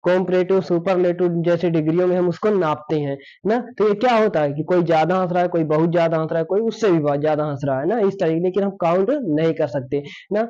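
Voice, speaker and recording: A man's voice: sits high, fast, hardly any pauses, dark tone. A male English grammar teacher explaining a lesson, often asking rhetorical questions and answering them himself. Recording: dull lo-fi sound.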